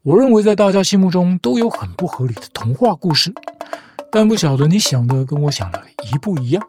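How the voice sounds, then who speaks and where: A podcast host with a high, very animated voice retells fairy tales a little fast, offering playful, teasing, mock-reasonable commentary. Guitar music runs in the background.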